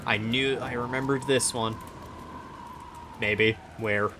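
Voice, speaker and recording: A man's voice: mid-range voice, steady tone, slow, noisy background. A man hosting a casual gameplay chat, rambling and muttering to himself as he plays. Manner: chatty, rambling, mutters to himself while playing. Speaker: let's play host.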